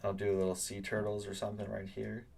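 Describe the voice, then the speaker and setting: A young art teacher hosts a live drawing stream, chatting loosely as he draws and reading out and answering chat comments. He rambles with many fillers, speaking quickly in a fairly low, monotone voice with vocal fry that's a little mellow and slightly rough.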